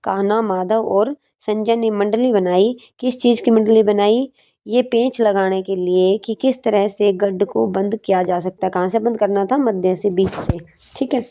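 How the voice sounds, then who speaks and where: A woman's voice: medium pitch, moderate pace, dark tone. A woman teacher giving an exam-prep lesson with memory tricks, asking questions and answering them herself.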